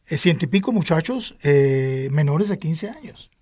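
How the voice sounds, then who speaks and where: A man's voice: a little high, expressive, normal speed, a little mellow, husky, no echo. An older man from Cuba with a Cuban Spanish accent, a singer telling his life story in an interview, with many restarts and fillers. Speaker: guest singer.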